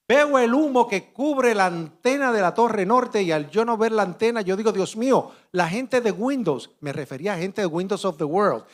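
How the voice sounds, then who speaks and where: High-voiced man telling a vivid story. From Puerto Rico. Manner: vivid and animated, shouting out sound effects and acting out dialogue. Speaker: conference panelist. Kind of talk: dramatic first-person storytelling to an audience.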